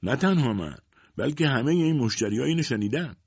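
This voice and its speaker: A man's voice: medium pitch, animated, a little mellow, husky, no echo, highs cut off, pitched above the performer's own voice. A man voicing a sly male shopkeeper who teases a customer in a raised, mocking voice.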